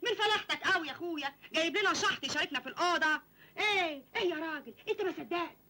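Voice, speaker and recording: An actress playing a scolding, sharp-tongued village wife in an Egyptian comedy film, with an Egyptian accent. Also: female voice, sits high, very animated, rapid-fire, slightly rough, full character voice. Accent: Egyptian Arabic. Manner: scolding, nagging.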